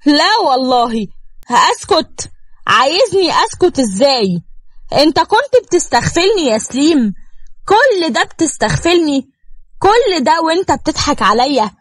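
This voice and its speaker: A woman voicing a spiteful, scheming young woman who talks in a shrill, shouting way. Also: dry recording.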